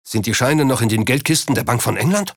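A man's voice: medium pitch, lively intonation, fast talker, dry recording, clean studio sound. A man doing a panicky aging tycoon. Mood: probing. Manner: raised, agitated and clipped.

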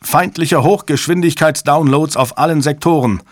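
A man reading the shouted lines of panicked male technicians in an audiobook, yelling high and loud. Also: normal speed, no echo, clean studio sound, lightly acted.

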